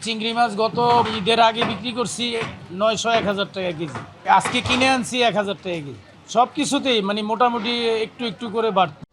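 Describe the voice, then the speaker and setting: A man who sells fish answers questions in a market interview. He talks plainly with a high voice, and loud music plays under him. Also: a little fast. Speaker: fish seller. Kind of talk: street interview.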